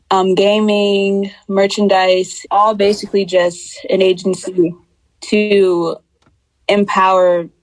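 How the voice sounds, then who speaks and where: A woman's voice: mid-range voice, no echo, low-quality recording. A woman in her twenties from the United States, chatting casually as a podcast guest with lots of fillers. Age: 20s. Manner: relaxed, chatty, many fillers. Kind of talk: casual chat.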